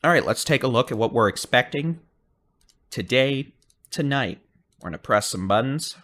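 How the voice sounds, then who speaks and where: A man's voice: mid-range voice, lively intonation, moderate pace, fairly bright tone. A man giving live severe weather coverage, steadily listing towns and arrival times. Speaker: weather forecaster.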